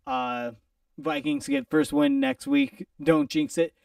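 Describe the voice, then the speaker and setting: A man co-hosting a casual football prediction chat, playful and theatrical, swinging from loud outbursts to mutters. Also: extremely high pitch, huge pitch swings, slow pace, creaky, no echo, distant mic. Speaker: podcast co-host.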